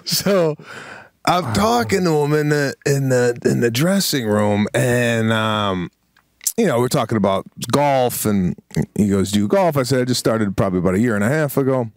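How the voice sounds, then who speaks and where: A middle-aged comedian co-hosting a podcast tells stories with animated energy, acting out quotes, repeating words and calling people "bro." His voice sits mid-range at a moderate pace. He speaks into a handheld mic in a small studio, and the recording is dry.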